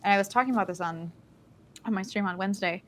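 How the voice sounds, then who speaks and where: A woman's voice: medium pitch, fast talker, slight background noise. A woman streamer chatting casually and telling a story, with lots of filler words and restarts.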